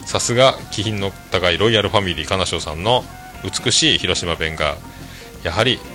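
A man's voice: deep voice, moderate pace, sharp tone, faint music behind. A man hosting a casual podcast, chatting and reading out listener messages, with frequent filler tags and self-deprecating asides. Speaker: podcast host.

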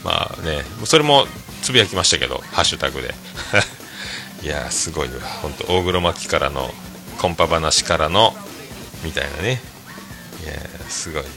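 A man's voice: a bass voice, moderate pace, gravelly, music in the background. A middle-aged man from Fukuoka, telling rambling stories in a solo talk stream, full of fillers. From Fukuoka, Japan. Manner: rambling storytelling, many fillers, animated quoting. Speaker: host, restaurant owner.

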